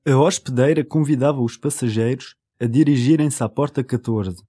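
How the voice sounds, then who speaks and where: Male course announcer, European Portuguese, mid pitch, raspy edge, careful scripted reading. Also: moderate pace, dark tone. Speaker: language course announcer and reader.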